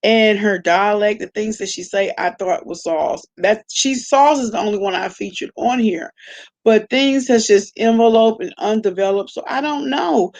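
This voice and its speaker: Reacting to online gossip on her livestream, this host keeps things slangy and informal as she chats with viewers. She speaks at a moderate pace in a medium-pitched, slightly mellow voice.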